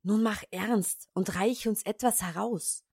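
A woman voicing two wary male thieves in a storybook reading, hushed and furtive. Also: medium pitch, slow, slightly rough, no echo, clean studio sound.

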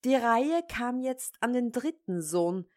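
A woman reads an old fairy tale aloud in a calm, measured way. She takes her time, letting each line settle at a slow pace. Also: a little high. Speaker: storyteller.

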